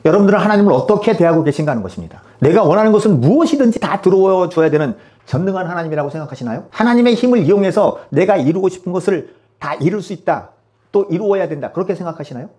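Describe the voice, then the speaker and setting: Male pastor, fairly high voice, rapid emphatic sermon delivery, peppered with rhetorical questions. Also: expressive, a little mellow.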